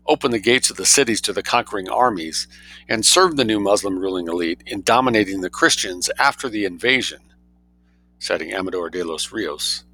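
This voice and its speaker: Male reader, lowish pitch, bright forceful tone. Reads academic prose as if dictating, every reference and quote mark spoken. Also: a little fast, low-quality recording. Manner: dictating, speaks quote marks, citations and spellings aloud. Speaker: narrator reading a scholarly book aloud. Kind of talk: reading a scholarly text aloud.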